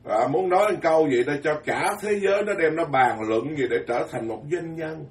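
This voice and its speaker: A man giving a folksy, animated Dharma talk as a Buddhist monk, joking and repeating words as he goes. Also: a little high, a little fast. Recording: echoey hall from far off.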